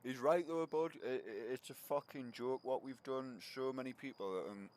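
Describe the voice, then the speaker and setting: A man's voice: medium pitch, lively intonation, normal speed, darkish tone. A man from Northumberland with a mixed Northumbrian and Geordie accent, talkative, laid-back and sweary, chatting casually while gaming online. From Northumberland, England. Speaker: game streamer.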